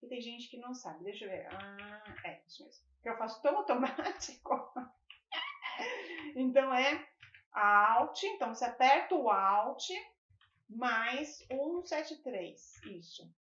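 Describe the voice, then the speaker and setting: A woman teaching a video lesson, a native Spanish speaker with a fairly high voice. She explains patiently and keeps checking that her students follow. The room echoes and the sound is a little dull. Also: very animated, takes it slowly, a bit bright.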